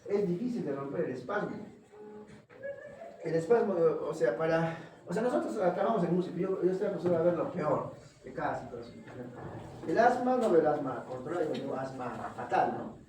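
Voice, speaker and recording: Male lecturer, slightly high voice, heard from afar in a noisy room, quizzes students. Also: expressive. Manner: quizzing students with quick questions. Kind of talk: classroom lecture. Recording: echoey room, far from mic, noisy.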